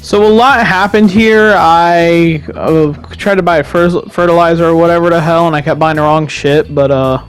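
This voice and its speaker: A man's voice: fairly high pitch, fairly even intonation, moderate pace, hardly any pauses, clean tone, faint music behind. A young man giving casual, rambling commentary over his own farming game footage, swearing freely and restarting his sentences. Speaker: gaming YouTuber.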